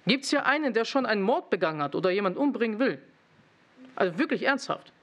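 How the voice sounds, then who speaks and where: High-voiced man preaching with teasing irony. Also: fast, muffled recording. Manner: lively, questioning the congregation with teasing irony. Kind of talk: sermon.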